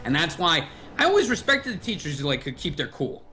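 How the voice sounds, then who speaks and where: A man telling stories in casual chat hosts a livestream podcast through a livestream mic, animated and cursing freely. Faint music plays behind his a-little-fast, high-side voice.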